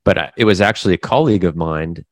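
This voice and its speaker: A man in his thirties from the Midwest speaks with a very low voice, recorded close and dry. He talks casually as an interview guest, halting often with fillers and restarts. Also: no room sound. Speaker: guest business owner.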